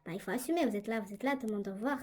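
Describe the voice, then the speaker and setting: A woman's voice: fairly high pitch, very fast, darkish tone. A young woman casually telling a story for her vlog, chatty and hesitant with many fillers, recorded on a tablet indoors. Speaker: vlogger. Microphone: tablet microphone.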